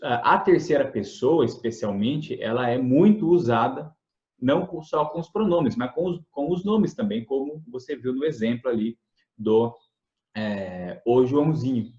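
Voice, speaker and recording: A man's voice: medium pitch, lively intonation, a little slow, a little mellow, echoey room, muffled recording. A man teaching a grammar lesson in a conversational way, with many fillers and restarts, often checking whether the listener has understood. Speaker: English teacher. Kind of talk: explanatory lesson.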